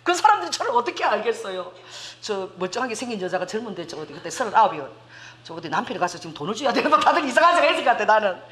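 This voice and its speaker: A woman in her forties preaching a sermon, telling a personal testimony with animated storytelling and acted-out dialogue. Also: medium pitch, very fast. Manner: animated storytelling, acting out dialogue, laughing and tearful at times.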